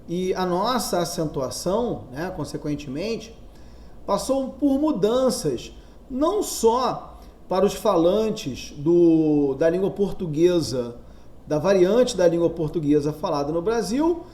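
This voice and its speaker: A male grammar teacher from Brazil explains step by step at an unhurried pace. His intonation rises and falls widely, and he often poses his students' questions himself before answering them. His voice has a warm, mellow color. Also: high-pitched. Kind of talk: recorded lesson for exam candidates.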